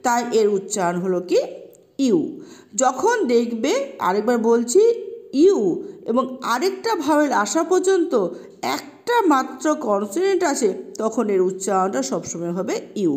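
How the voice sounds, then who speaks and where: A woman's voice: a little high, big pitch swings, measured pace, a little mellow. A woman teacher explaining English grammar patiently, repeating points and asking checking questions. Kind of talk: classroom explanation.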